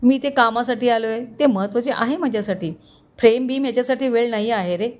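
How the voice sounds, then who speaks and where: A woman doing a calm, composed young man. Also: on the high side, a little fast, lightly acted. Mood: easygoing. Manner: easygoing, controlled.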